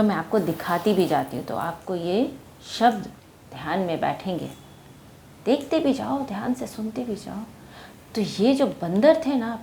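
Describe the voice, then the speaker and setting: A woman telling a story to children in an animated way, often asking her young listeners questions. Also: medium pitch, a little hiss or hum.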